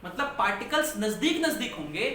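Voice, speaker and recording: A man's voice: high voice, sing-song, fairly quick, bright, forceful tone. A male physics teacher lecturing a class, asking questions and repeating key terms. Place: large echoey classroom. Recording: echoey classroom from far off, faint noise.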